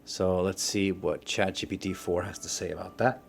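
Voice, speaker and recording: A man and parent hosting a casual tutorial vlog, chatty and joking with quick asides. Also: sits low, flat delivery, creaky, a little hiss or hum. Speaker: parent and video host.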